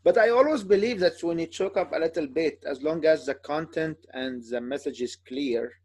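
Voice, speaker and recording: Halting man host, mellow voice. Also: a little high, husky, no echo. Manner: halting, many fillers and restarts, encouraging. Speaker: interview host. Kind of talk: casual interview talk.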